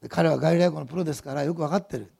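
Male pastor, sermon; gravelly and husky, animated storyteller who talks with his congregation. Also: fairly high pitch, rapid-fire. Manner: lively storytelling preacher who asks the congregation questions.

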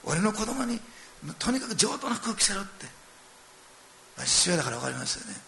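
A middle-aged pastor preaches a sermon in a high-pitched, creaky voice at a fairly quick pace, with a little hiss or hum audible. He tells a story with animation, acting out quoted lines and addressing his listeners directly.

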